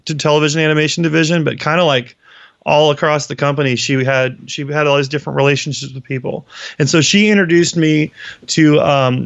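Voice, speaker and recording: Gravelly man in his thirties. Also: fairly high pitch, a bit bright, no room sound, muffled recording. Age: 30s. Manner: explains at length, with fillers. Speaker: animation consultant. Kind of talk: casual interview talk.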